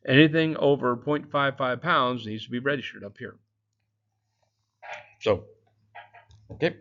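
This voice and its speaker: A man's voice: mid-range voice, measured pace, fairly bright tone, lo-fi sound. Chatty man teaching exam prep. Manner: chatty, loose, with many fillers and asides. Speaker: drone exam instructor. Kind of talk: casual exam-prep lecture.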